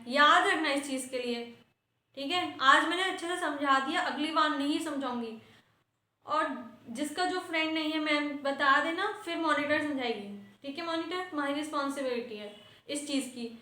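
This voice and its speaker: A woman's voice: high-pitched, normal speed, sharp tone, roomy sound. A woman playing a strict teacher in a comedy sketch, lecturing and scolding her class.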